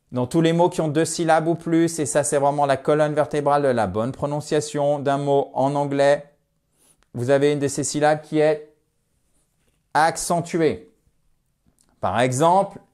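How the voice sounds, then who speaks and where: A French-speaking man teaching English pronunciation with lively emphasis, stretching out his English demo phrases. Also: on the high side.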